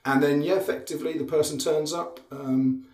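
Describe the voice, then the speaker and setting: A man's voice: fairly high pitch, steady tone, moderate pace, a little mellow. A man with an Essex accent co-hosting a podcast in casual, dryly bantering chat. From Essex, England. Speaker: podcast co-host. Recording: roomy, echoey sound.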